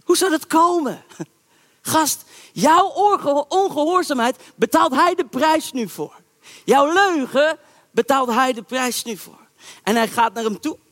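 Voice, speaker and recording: High-voiced male preacher in an echoey hall. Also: a little slow. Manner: lively colloquial storytelling, voices the quotes. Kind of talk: sermon retelling a Bible story.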